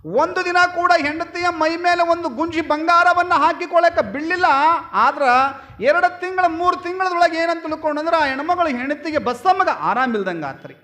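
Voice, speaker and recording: A man giving a storytelling sermon as a swami, swinging between loud exclaiming and low murmuring. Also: moderate pace. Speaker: swami preacher.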